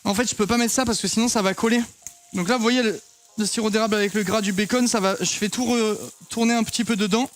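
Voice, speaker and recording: A man's voice: high-pitched, fairly even intonation, quick pace. A young man chatting casually to viewers while cooking in his home kitchen, swearing now and then. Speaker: streamer cooking on stream. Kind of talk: casual live cooking chat.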